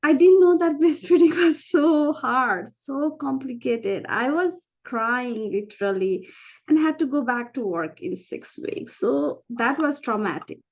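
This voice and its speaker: A physician and founder from Nepal, interviewed as a guest, tells her personal story candidly and conversationally in a Nepali accent. Her high, expressive voice is a little mellow and unhurried, and she leans on repeated phrases for emphasis.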